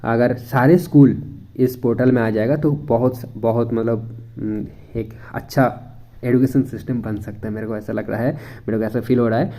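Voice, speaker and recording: A man's voice: medium pitch, fairly even intonation, moderate pace, mellow. A young man from India walking viewers through a website in a casual, chatty way, mixing Hindi and English and thinking aloud with frequent fillers. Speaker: education YouTuber. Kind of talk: casual screen walkthrough.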